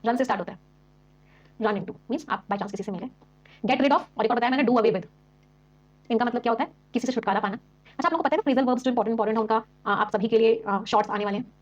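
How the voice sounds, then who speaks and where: A woman English teacher rattles through an exam-prep vocabulary lesson at breakneck speed, her voice sitting fairly high. She keeps quizzing the class with rhetorical questions and switches between Hindi and English words. The recording sounds dull and lo-fi. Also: rapid-fire. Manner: mixes Hindi explanations with English terms.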